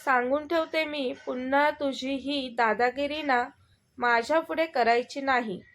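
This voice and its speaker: A woman's voice: high-pitched, steady tone, unhurried, fairly bright tone. A woman voicing a defiant young wife who firmly scolds a rival in a storybook scene. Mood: scolding. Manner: firm, scolding, stands her ground.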